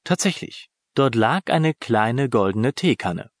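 A man reads a children's story aloud in an expressive, measured way. His voice is mid-pitched and the sound is close and dry, with no room around it. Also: dry recording. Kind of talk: scripted narration.

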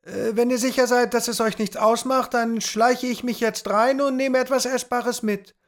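A man voicing a cheeky young male thief with a high, strained voice that turns to panicked shouts. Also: steady tone, normal speed.

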